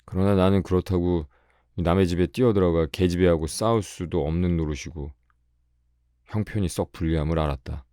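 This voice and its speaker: A man with a very low, mellow voice reads a short story aloud for sleep, calm and measured. The recording is dry and close to the mic. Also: no room sound. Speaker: audiobook reader. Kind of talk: audiobook reading for sleep.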